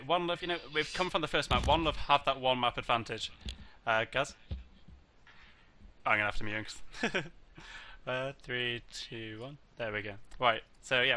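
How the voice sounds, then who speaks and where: A man's voice: medium pitch, pushed and bright. A tired man hosting a live esports stream over a headset mic. He talks in a chatty, rambling way and makes joking asides to the chat. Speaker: esports caster and host. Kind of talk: casual live-stream commentary. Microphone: headset mic with voice activation.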